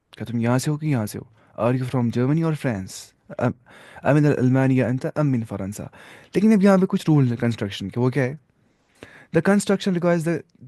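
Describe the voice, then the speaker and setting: A man explains Arabic grammar rules, slipping English terms into his talk and reading Arabic examples slowly. His voice is warm and mellow, with conversational fillers. The sound is dry and close, with no room around it. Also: mid-range voice, dry recording. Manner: conversational, with fillers and self-corrections. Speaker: Arabic teacher.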